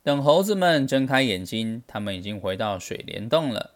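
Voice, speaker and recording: Casting: a father in his thirties telling a bedtime story, lively and expressive, at a mid pitch. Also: moderate pace. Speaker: storyteller, parent. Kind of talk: reading a children's story aloud.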